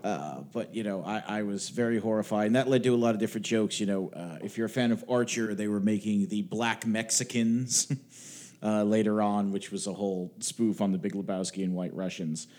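A man with a slightly low voice talks casually as a podcast co-host. He rambles through stories in a wry, offhand way and swears now and then. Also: steady tone, a little fast, a little mellow. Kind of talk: casual chat.

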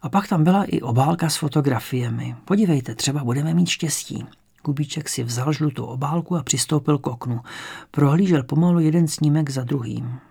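A man calmly narrating a crime novel as an audiobook reader. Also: a little high, vocal fry, breathy edge. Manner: calm, measured storytelling.

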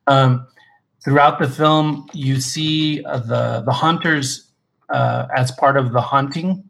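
A man's voice: mid-range voice, slow, gravelly. A man in the middle of his range, chatting loosely as a podcast co-host. He talks with easy enthusiasm, trailing off and restarting his sentences often. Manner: relaxed, many fillers and restarts, enthusiastic recommendations. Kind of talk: casual chat.

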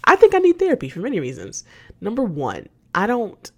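Speaking quickly in a medium, slightly mellow voice whose pitch swoops wildly, this nineteen-year-old Atlanta woman runs a casual solo podcast. She talks candidly, laughs a lot, and frequently trails off before starting her sentences over.

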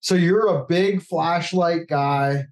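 Podcast host guy, chatty and relaxed, voice a bit on the high side. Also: takes it slowly. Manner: casual, chatty questioning. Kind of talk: podcast interview.

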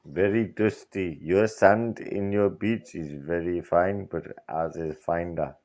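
Deep-voiced man with deadpan absurd banter. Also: slow. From United Kingdom. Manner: deadpan, absurd in-character jokes in broken English. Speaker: caller, fellow podcaster. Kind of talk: joking call-in banter.

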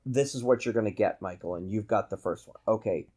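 A man's voice: lowish voice, fairly quick, darkish tone. A man with a Boston accent telling an anecdote casually as a podcast guest, with teasing asides. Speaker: podcast guest, aerobatic pilot.

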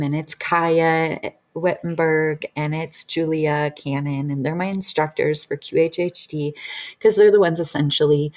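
A woman in her thirties speaks with a notably low voice. She tells her story casually as a healing practitioner, rambling along with frequent fillers and restarts. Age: 30s.

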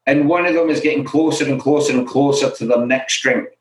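His voice is mid-range and fairly quick, with a strong Glaswegian Scottish accent, and it echoes around a roomy room. A middle-aged man from Scotland in alcohol recovery, he tells stories candidly in conversation as an interview guest, frank and self-deprecating, full of "you know."

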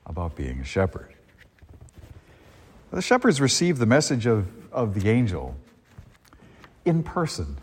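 Husky preacher man in a cathedral echo. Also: mid-range voice. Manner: halting, conversational, with repeated phrases. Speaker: priest preaching at a Christmas service. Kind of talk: liturgical reading and homily. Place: large reverberant church. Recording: long cathedral echo in a large church.

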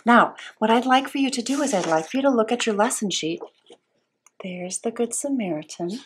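A woman teaching a Bible lesson to young children as a Sunday school teacher, sweet and patient, asking simple questions with pauses. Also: a little high, animated, slight background noise.

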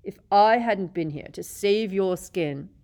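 A woman's voice: fairly low pitch, normal speed, dark tone, lightly acted. A woman doing a sneering, bitter male schoolmaster. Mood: menacing. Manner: sneering, silky, rising to shrieks. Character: cold, bitter male potions teacher, middle-aged.

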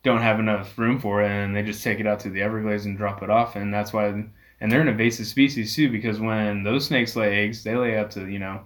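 A man's voice: on the low side, fairly even intonation, fairly quick. A man being interviewed as a guest, explaining things casually in a rambling, filler-heavy way. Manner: rambling, peppered with "you know". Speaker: interview guest, reptile rescue owner.

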